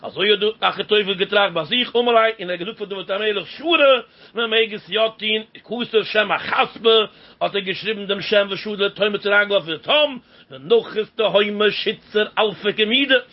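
High-voiced man teaching, dull lo-fi sound. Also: normal speed. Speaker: religious teacher. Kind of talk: religious lesson on scripture. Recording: dull lo-fi recording.

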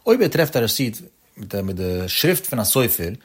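Male teacher, fast, husky, chanting lecture delivery with big pitch swoops. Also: very animated. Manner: sing-song, swooping up and down between phrases. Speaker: religious text teacher.

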